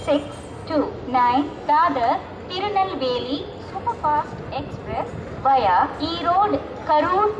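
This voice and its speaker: Slow formal woman, station announcement. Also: high-pitched. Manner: slow, formal, spliced number-by-number reading. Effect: recorded station announcement. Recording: noisy station recording.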